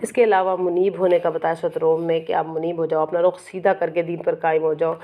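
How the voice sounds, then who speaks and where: A woman's voice: fairly low pitch, level tone, a little fast, dull audio. A middle-aged woman giving an earnest religious lecture, exhorting listeners and asking rhetorical questions. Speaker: Quran lecturer.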